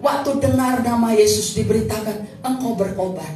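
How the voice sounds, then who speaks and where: High-voiced woman preacher in an echoey hall. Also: moderate pace, soft background music. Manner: animated, storytelling, bursts into shouting. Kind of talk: sermon. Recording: echoey hall, far from mic.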